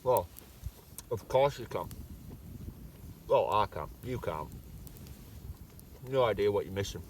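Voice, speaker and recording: Man, lowish voice, relaxed camping vlogger, joking food talk, distant mic outdoors. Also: slow, a little hiss or hum. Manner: chatty, joking, savoring food aloud. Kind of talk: casual talk to camera while cooking. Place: outdoors at a wild campsite by a fire. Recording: distant camera mic, faint outdoor ambience.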